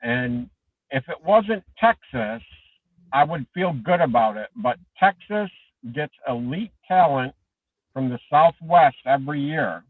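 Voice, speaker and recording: A man calling in to a sports talk show over a phone headset, his voice muffled as if heard through a wall, talking haltingly with many ums and restarts. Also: on the high side, expressive, no echo. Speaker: caller. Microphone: Bluetooth phone headset. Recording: muffled far-off phone line.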